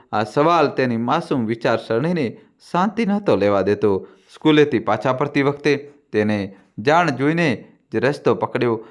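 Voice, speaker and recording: A man giving steady, dramatic scripted narration of a family drama story. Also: mid-range voice.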